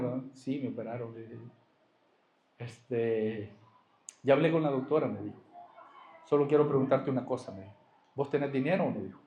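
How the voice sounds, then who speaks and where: In an echoey church hall, a man with a medium-pitched, slightly mellow voice gives his testimony. He tells his story and acts out both sides of a conversation.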